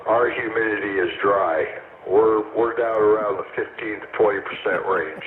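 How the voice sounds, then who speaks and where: A man from Colorado, a ham radio operator, chatting in a relaxed, easygoing way over an echoey radio relay and signing off with radio procedure. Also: lowish voice, normal speed. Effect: echoey radio relay over an internet link. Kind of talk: casual on-air radio chat. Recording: echoey, tinny radio transmission with faint hiss.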